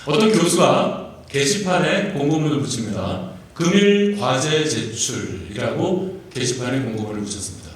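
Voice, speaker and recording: Man, pastor, lively sermon voice, jokey questions to the congregation, big echoey church, mic a bit far off. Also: medium pitch, normal speed. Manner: playful, asks the congregation questions, chuckles. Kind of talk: sermon with jokes and congregation interaction. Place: church sanctuary.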